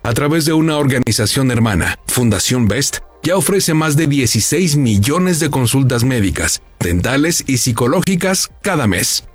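A man reading a scripted news feature as narrator, measured and polished. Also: medium pitch, lively intonation, slightly rough, dry recording. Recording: voice-over with faint music.

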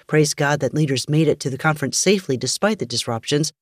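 A woman reading a scripted radio news bulletin in a measured, even delivery. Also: low voice, no echo, clean studio sound. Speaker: news reader.

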